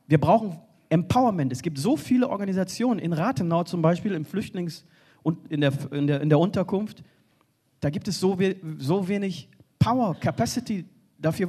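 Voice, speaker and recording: Panel speaker, male, husky tone, earnest and halting, slightly higher voice. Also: a little mellow. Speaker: panel speaker for a refugee organization. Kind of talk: spoken panel contribution. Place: stage in a hall.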